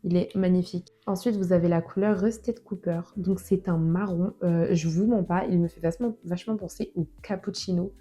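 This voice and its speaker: Chatty woman with a mellow voice. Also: fairly low pitch, fairly even intonation, normal speed, hardly any pauses, soft background music. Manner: chatty, full of fillers, self-deprecating. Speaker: nail product reviewer. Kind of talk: casual product presentation.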